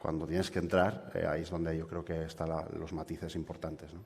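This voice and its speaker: Deep-voiced man, echoing conference hall. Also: level tone, brisk, a little mellow. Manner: hedging with fillers. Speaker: panelist. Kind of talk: panel discussion.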